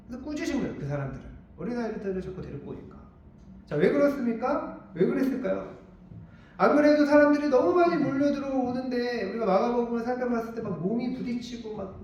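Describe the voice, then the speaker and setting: A man's voice: high voice, a little mellow, a little hiss or hum. A middle-aged male pastor preaching a sermon, asking his listeners questions and then answering them himself. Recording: distant, echoey, muffled church room sound.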